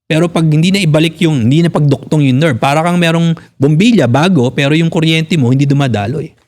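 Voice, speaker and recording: A man's voice: fairly high pitch, fast, a little mellow. A Filipino physical therapist in his forties, talking bluntly in a casual podcast conversation, swearing freely and mixing in English. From Philippines.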